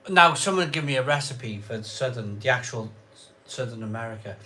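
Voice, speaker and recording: A man's voice: medium pitch, animated, normal speed, pushed and bright. A man hosting a live beer review stream, chatting casually and rambling with restarts. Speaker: host of a beer review channel.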